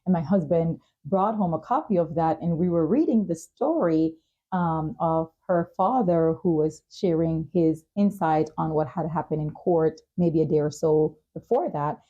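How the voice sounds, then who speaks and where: A talk show and podcast host with a low voice speaks at normal speed, responding empathetically during an interview and affirming what her guest says. The recording has its highs cut off.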